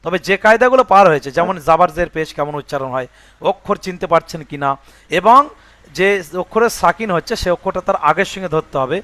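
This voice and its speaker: A man with a high-pitched, bright and forceful voice teaches Quran reading at a fast, animated pace, with no echo. He spells each word letter by letter, covering the vowel marks, and keeps checking "বুঝে আসছে?" to confirm the student is following.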